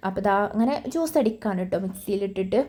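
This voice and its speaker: A woman's voice: medium pitch, lively intonation, racing, dark tone, husky. A woman vlogger giving a casual voice-over that explains each chore step by step.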